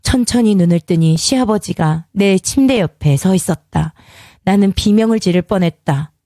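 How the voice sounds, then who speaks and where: A woman's voice: mid-range voice, moderate pace, dark tone, no echo. Woman narrator for a storybook drama, tense telling, dry close mic. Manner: tense first-person storytelling. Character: young mother, frightened and defiant.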